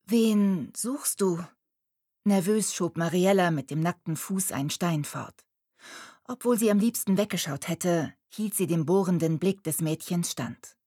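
Calm female audiobook narrator, lowish, husky voice, dry close mic. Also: moderate pace, no echo. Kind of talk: scripted storybook narration.

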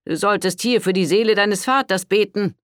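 A man's voice: sits high, a bit bright, no room sound, studio quality, pitched above the performer's own voice. A man voicing a stern, haughty old priest. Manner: severe, slow and haughty.

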